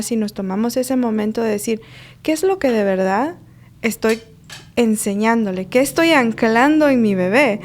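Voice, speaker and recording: In an interview-style conversation, a woman who is a mother and life coach earnestly discusses emotions and parenting, using personal anecdotes and quotes she acts out. Her voice is fairly high with a darkish tone.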